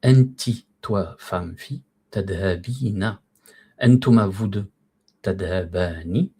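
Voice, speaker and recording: A man gives a recorded Arabic lesson in a husky, somewhat low voice. He is patient, pronounces each form slowly and repeats it. He often stops to check that his listeners are keeping up. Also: dark tone. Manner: patient, repeats words slowly and asks if students follow. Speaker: Arabic teacher.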